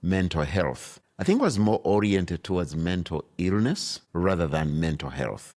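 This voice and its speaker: A man from Uganda with a low, deep voice. He talks like a bishop being interviewed on a podcast, slow to choose his words and weighing each thought as he goes. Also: very animated, darkish tone. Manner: thoughtful, deliberate, searching for words. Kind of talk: reflective conversation.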